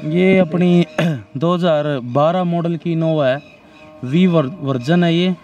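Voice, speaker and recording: A man in his thirties working as a car dealer on an outdoor lot, giving a matter-of-fact pitch that runs through the features and rates. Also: fairly even intonation, slow pace, darkish tone, muffled recording, soft background music. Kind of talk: sales pitch.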